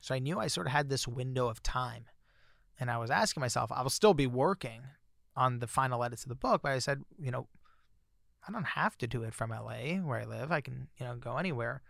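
Gravelly-voiced man telling a story. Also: mid-range voice, a little fast, no echo, clean studio sound. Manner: chatty, many fillers, grows excited when recounting surprises. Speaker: author guest. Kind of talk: casual storytelling.

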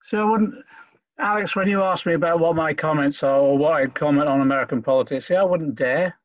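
A man from Liverpool, talking in a halting, earnest way as an interview guest, often repeating himself. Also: fairly high pitch, no room sound, muffled recording. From Liverpool, England. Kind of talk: conversational interview.

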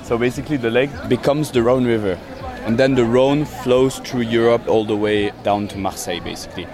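A musician from Sierra Leone chatting in a relaxed, easygoing way outdoors by a river, with fillers. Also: male voice, mid-range voice, a little fast, a crowd in the background. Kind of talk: casual chat.

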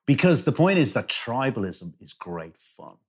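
A man's voice: medium pitch, big pitch swings, slightly rough. A man speaking as a guest in a conversational discussion, emphatic, repeating phrases and breaking off to restart. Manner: emphatic, repeats phrases, halting self-interruptions. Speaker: guest author.

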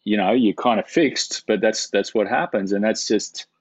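A man's voice: fairly low pitch, moderate pace, dry recording. A middle-aged man, a camera operator, telling stories in a casual interview, rambling and repeating words with self-deprecating humor. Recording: dull, dry, lo-fi sound.

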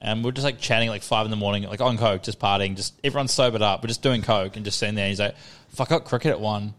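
A man's voice: fairly low pitch, steady tone, rapid-fire, a bit bright. A young man chatting casually in a laddish way, with plenty of slang and swearing. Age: young adult. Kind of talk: casual chat.

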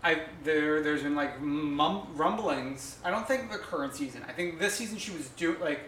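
A man's voice: fairly high pitch, animated, fairly bright tone, echoey room, slight background noise. A man co-hosting a podcast, chatting casually and gossiping eagerly about reality TV. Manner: gossipy, chatty, quick asides. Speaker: podcast co-host. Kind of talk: casual chat.

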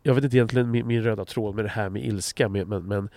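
A man's voice: on the low side, fairly even intonation, dark tone, no echo. A blunt, direct man from Sweden in casual conversation, swearing freely and often restarting his sentences.

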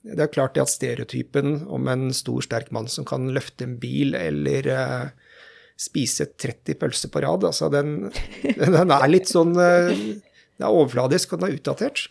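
A man working as a general practitioner, talking in a relaxed podcast conversation, thoughtful and hesitant with many fillers. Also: mid-range voice, gravelly, breathy edge. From Norway.

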